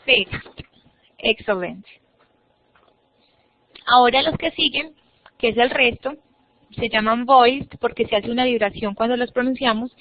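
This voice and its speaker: This woman has a fairly high pitch and an unhurried delivery with frequent pauses. Teaching an online English class, she walks students through each step and models words for them to say back. Her computer mic on the video call yields muffled, dry audio.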